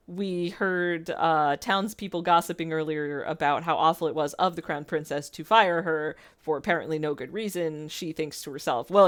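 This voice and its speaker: A woman streamer giving casual, chatty commentary while reading a visual novel aloud, often interrupting herself with asides. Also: low voice. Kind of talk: casual commentary mixed with narration.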